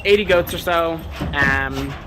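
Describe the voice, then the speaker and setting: Man, casual interviewer, slightly high voice, recorded in a barn, noticeable animal noise behind. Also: takes it slowly. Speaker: host interviewer. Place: inside a working barn. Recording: noisy barn with animal sounds. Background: animals and farm noise.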